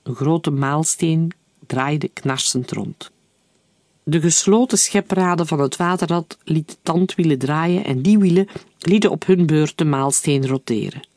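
A man reading a novel aloud in steady, even-paced audiobook narration. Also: fairly high pitch, measured pace, no room sound, studio quality. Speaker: reader.

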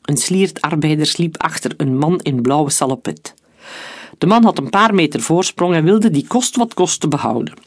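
A narrator reading a historical story in a steady storytelling voice. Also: mid-range voice, moderate pace.

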